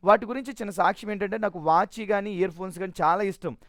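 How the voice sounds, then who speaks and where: A man's voice: high voice, quick pace, fairly bright tone, no room sound, clean studio sound. A man giving a personal testimony in an earnest, emotional way, often restarting his sentences.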